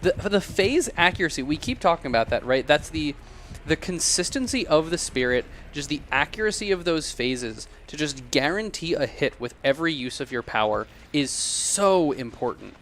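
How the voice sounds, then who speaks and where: A man giving excited, analytical live commentary on a video game match as an esports caster. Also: fairly high pitch, normal speed, a little hiss or hum.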